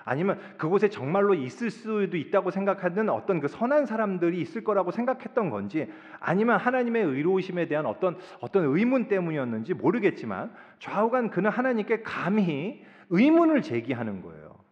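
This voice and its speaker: A male pastor delivers a sermon in a fairly high voice that rises and falls with emphasis. He keeps asking the congregation direct questions. The sound carries a long church-hall echo and a dull, muffled tone. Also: sing-song, a little fast, hardly any pauses. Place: church sanctuary.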